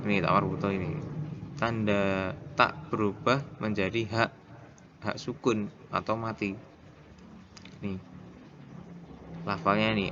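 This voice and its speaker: A male teacher giving a recorded lesson, explaining step by step and reciting examples slowly. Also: lowish voice, dull audio, noisy background.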